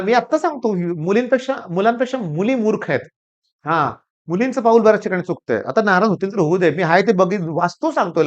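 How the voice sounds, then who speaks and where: A middle-aged man, a counsellor and tutor, giving a blunt and emphatic lecture-style talk to students and parents. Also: high voice. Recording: dull lo-fi sound.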